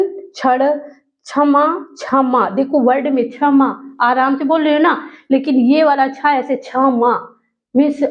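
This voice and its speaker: A woman teacher with a high voice walks her students through spelling and pronunciation. She says each word again and again, slowly and deliberately. The recording sounds dull and lo-fi. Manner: repeats words slowly to drill pronunciation. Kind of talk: spoken grammar lesson.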